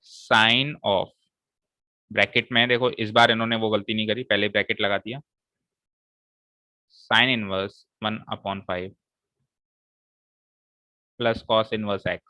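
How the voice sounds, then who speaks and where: Male maths teacher, bright forceful voice, walks students through each step, dry close recording. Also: on the low side, level tone, slow, long pauses, dry recording, poor audio. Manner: explains step by step and checks with students. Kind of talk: classroom maths lesson.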